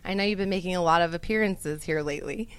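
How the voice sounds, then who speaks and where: A woman's voice: fairly low pitch, fast, smooth. A woman hosting a business radio interview show, reading sponsor copy and introducing guests in a polished manner.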